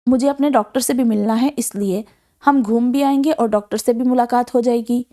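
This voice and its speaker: A woman voicing a calm young man from a novel who hides his worries, patient and reassuring. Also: extremely high pitch.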